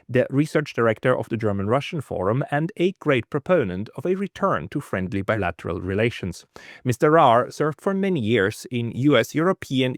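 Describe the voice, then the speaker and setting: A man hosting an interview, opening with a measured, storytelling introduction before asking questions. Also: mid-range voice, dry recording, clean studio sound. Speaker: host.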